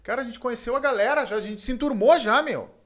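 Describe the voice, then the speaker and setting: A man from southern Brazil with a Gaúcho accent, telling a story in casual chat, animated and slangy, acting out the voices of the people in it. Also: very high-pitched, fast talker. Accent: Gaúcho Brazilian Portuguese. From Rio Grande do Sul, Brazil.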